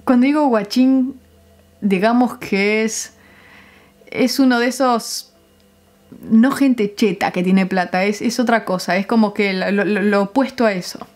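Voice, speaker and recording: A young Uruguayan woman vlogging casually, explaining her slang with frequent laughs and pauses to find the right words. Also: medium pitch, darkish tone, faint music behind. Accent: Uruguayan Spanish. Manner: chatty, laughs often, searches for words.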